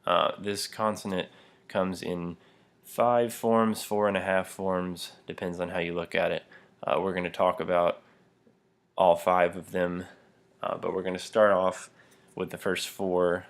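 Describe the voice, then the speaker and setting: Man, low gravelly voice, fairly flat delivery, patient video language lesson, fillers and light laughs. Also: measured pace. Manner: patient step-by-step explaining with frequent fillers; demonstrates throat sounds, laughs lightly. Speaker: language teacher. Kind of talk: video lesson explaining pronunciation.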